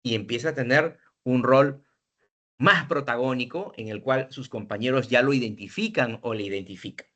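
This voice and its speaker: A man training university teachers, talking in an animated way, with many tag questions and repeated words, recorded indoors at a computer. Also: mid-range voice, normal speed, lo-fi sound. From Peru. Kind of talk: training talk to teachers on video lessons.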